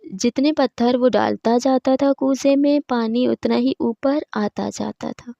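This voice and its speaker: A woman teaching Farsi with a Pakistani Urdu accent, reading Farsi lines slowly and then explaining them in a brisker, chatty way. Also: fairly high pitch, gravelly, a little mellow, no echo, muffled recording.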